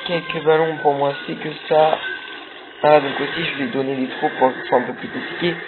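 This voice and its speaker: A young man makes a gameplay video, rambling casually over his own play with many fillers and restarts. His voice is a little high and steady in tone, fairly quick. The capture is tinny and lo-fi, with loud game music behind him.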